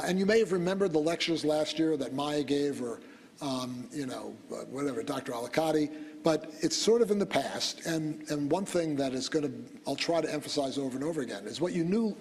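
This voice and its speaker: A man's voice: a little high, a little mellow. A man giving a medical school lecture in a conversational, digressive way, with fillers and self-corrections. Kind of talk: classroom lecture. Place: lecture hall. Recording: lecture hall with long reverb and faint noise.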